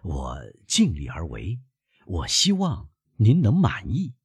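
A man reading aloud, voicing an older male innkeeper who haggles and flatters his guests. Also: fairly low pitch, slow, breathy edge, dry recording, clean studio sound, full character voice. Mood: yielding.

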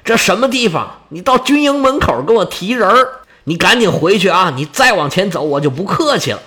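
A man voicing a brash, rude young sentry who shouts and mocks in a dismissive way, in a Chinese storytelling performance. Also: high-pitched, sing-song, brisk, voice pushed up, exaggerated voice. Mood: brusque.

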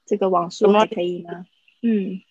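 A woman teaching English words in a live online lesson. She explains slowly and repeats each word for pronunciation. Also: mid-range voice, steady tone, darkish tone, slightly rough, dry recording. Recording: dull, dry livestream audio.

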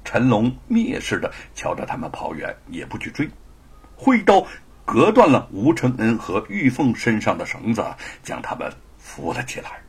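A man's voice: mid-range voice, huge pitch swings, normal speed, breathy edge. A man narrating a classic adventure tale in a dramatic storytelling style. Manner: theatrical, swooping delivery.

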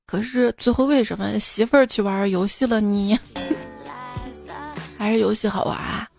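Gravelly-voiced woman teasing through jokes. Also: mid-range voice, steady tone, brisk, a little mellow, no echo, clean studio sound, soft background music. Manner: teasing, chatty, laughs at her own jokes. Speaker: radio-style host reading listener jokes. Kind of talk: playful joke-reading monologue.

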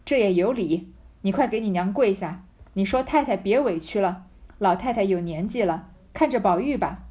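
A woman's voice: medium pitch, lively intonation, moderate pace, mellow, close to an everyday voice. A woman reading the lines of an elderly matriarch grandmother who teases and commands with a laugh. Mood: teasing.

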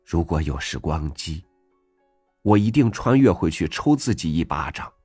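A man hosting a reading program, narrating a first-person essay in a gentle, reflective way. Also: low voice, very animated, normal speed, breathy edge, no room sound. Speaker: audiobook host reading an essay. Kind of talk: scripted narration. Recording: dry studio voice over faint music.

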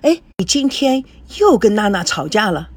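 A woman's voice: mid-range voice, sing-song, normal speed, darkish tone, husky, no room sound. A woman reading the lines of an eager, tender elderly grandmother in an audiobook, in a coaxing way.

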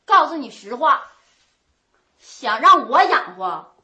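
A woman playing a stingy, spiteful middle-aged sister-in-law with a Northeastern Mandarin accent, sharp-tongued and quarrelsome. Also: high-pitched, sing-song, slow pace, dull audio, heavily acted. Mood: scornful. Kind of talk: comic stage folk opera dialogue. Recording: echoey stage sound.

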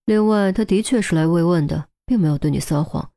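A woman's voice: on the low side, fairly quick, mellow, close to an everyday voice. A woman voicing a detached young male forensic expert who explains his deductions in a matter-of-fact way. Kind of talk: audiobook character voice.

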